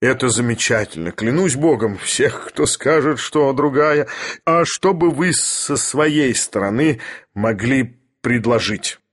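A man reading an audiobook, voicing an imperious, irascible older professor who lectures, mocks and thunders, with a husky voice. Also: mid-range voice, expressive, slow pace. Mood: ironic. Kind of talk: audiobook character voice.

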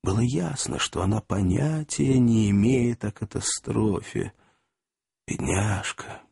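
A man's voice: on the low side, lively intonation, a little slow, creaky, dark tone, breathy edge. A man reading a novel aloud as an audiobook, voicing every character expressively. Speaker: audiobook narrator. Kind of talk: scripted narration.

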